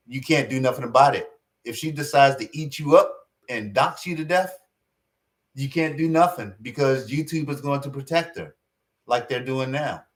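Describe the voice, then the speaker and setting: A man giving casual online commentary, rambling, with many fillers and restarts. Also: mid-range voice.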